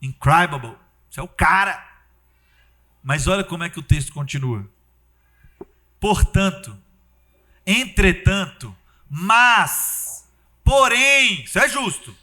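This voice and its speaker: High, bright-voiced preacher man. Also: brisk, long pauses. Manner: animated, conversational preaching with acted-out quotes and sudden loud bursts. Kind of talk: sermon.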